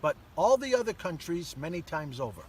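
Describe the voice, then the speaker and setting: A man's voice: a little high, very animated, darkish tone. Older man telling stories outdoors. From born in Germany to American parents. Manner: measured storytelling with many pauses and fillers. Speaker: interview guest. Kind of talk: casual interview. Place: outdoors in a sunny park by a pond. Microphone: camera mic at a distance. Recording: distant outdoor mic, faint background noise.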